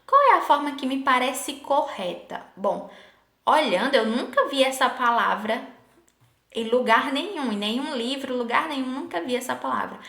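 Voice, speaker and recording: A rather high-voiced woman teacher speaks patiently to her class, asking questions and stretching out example words one by one. The sound is roomy and echoing. It fits a recorded online lesson. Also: animated, creaky, a bit bright. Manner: patient, asks the class questions, slows to spell out sample words. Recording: echoey room.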